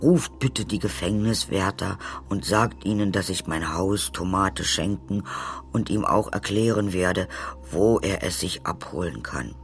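A man voicing an anxious, self-blaming old man who talks slowly and mournfully in a storybook. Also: low voice.

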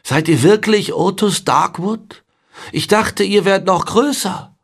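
A man's voice: high-pitched, slow pace, voice pushed up, full character voice. A man voicing an eager ten-year-old boy.

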